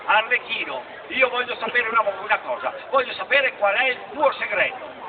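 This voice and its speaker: A man voicing a pompous, easily enraged gentleman puppet, indignant and emphatic, in a comic children's show. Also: extremely high pitch, moderate pace. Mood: exasperated. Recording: tinny, noisy, distant outdoor crowd recording.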